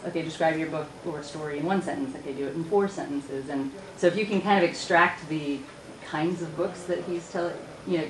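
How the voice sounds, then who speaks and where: A low-voiced woman talks fast and chatty on a conference panel, laughing often. The room is echoey and a steady noise sits under her voice. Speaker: author on a panel.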